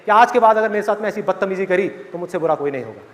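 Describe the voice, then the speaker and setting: A man's voice: high-pitched, animated, rapid-fire. A man voicing an indignant young newlywed woman who complains dramatically, in a reverberant hall with an audience. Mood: demanding.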